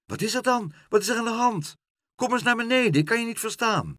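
A man's voice: very high voice, expressive, a little fast, a bit bright, no echo, clean studio sound, pitched above the performer's own voice. A man voicing an eager, helpful young boy in a children's story.

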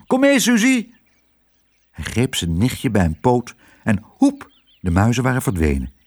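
A man reading a children's storybook aloud, expressive and switching voices for each character. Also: on the low side, normal speed. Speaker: narrator.

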